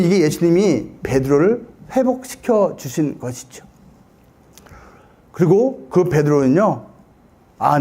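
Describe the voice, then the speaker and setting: Animated Korean male preacher. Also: on the high side. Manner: animated, dramatic retelling with questions to the audience. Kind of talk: sermon storytelling.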